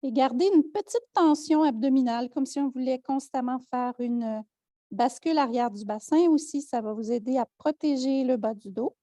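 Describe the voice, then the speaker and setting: A woman with a Quebec French accent, teaching a yoga class with calm step-by-step cues and light joking asides. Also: sits high, moderate pace, no echo, studio quality. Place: yoga studio.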